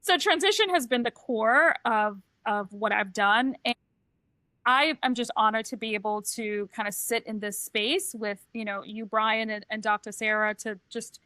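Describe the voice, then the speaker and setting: A woman's voice: a little high, moderate pace, bright, forceful tone, no echo. A middle-aged woman from Trinidad and Tobago, co-hosting a podcast and telling her own story in a candid, reflective way. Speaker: podcast co-host, transition coach. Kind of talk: casual podcast chat.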